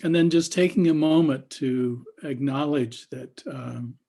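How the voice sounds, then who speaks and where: Guiding an unplanned meditation session, this male teacher has a husky voice and medium pitch with a dark tone. He speaks haltingly, letting phrases trail off between long pauses.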